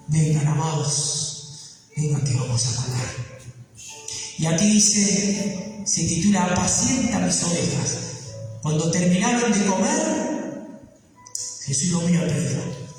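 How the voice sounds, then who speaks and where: A preacher with a high voice delivers his sermon slowly and emphatically, leaning on long dramatic pauses. He sounds distant from the mic in a church with a long, echoing reverb. Soft music plays underneath. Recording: echoey church hall from far off.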